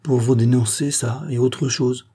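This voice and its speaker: A man's voice: medium pitch, steady tone, measured pace, warm tone, slightly rough, voice pushed up. A man voicing a sick, bitter old male locksmith who grumbles with resentment. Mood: resentful.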